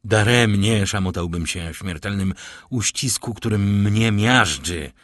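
Man doing a crushed prosecutor, muffled, shaky, low voice. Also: measured pace, a bit bright, no room sound. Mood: broken. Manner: muffled, faltering confession. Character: broken middle-aged male prosecutor, shaken. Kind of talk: audiobook reading.

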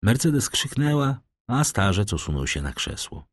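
Deep-voiced male audiobook narrator. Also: husky. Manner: measured, expressive reading. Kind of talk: scripted narration of a classic novel.

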